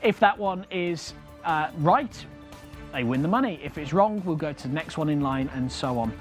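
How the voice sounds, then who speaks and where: A man's voice: fairly high pitch, animated, moderate pace, faint music behind. A man hosting a live game as a bingo caller, announcing numbers in repeated traditional patter.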